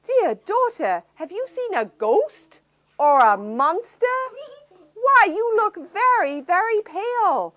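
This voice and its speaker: A stern, kindly old king from a storybook, slow and measured in his speech, as a woman reads him aloud. He stays in a fairly high register, close and dry. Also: very animated, a bit bright, no echo, exaggerated voice. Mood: concerned.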